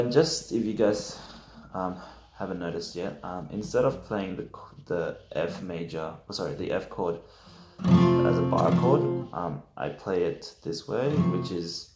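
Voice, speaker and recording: A young man giving a casual guitar lesson, halting and full of fillers, correcting himself as he goes, sounding just woken up. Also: low voice. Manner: hesitant, many fillers, self-correcting. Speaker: guitar teacher. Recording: roomy echo with loud guitar playing.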